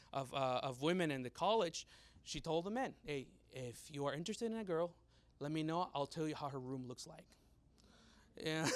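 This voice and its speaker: Animated bilingual young man preaching. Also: a little high. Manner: switches between English and Spanish, animated mimicry of loud women. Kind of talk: bilingual church teaching, storytelling.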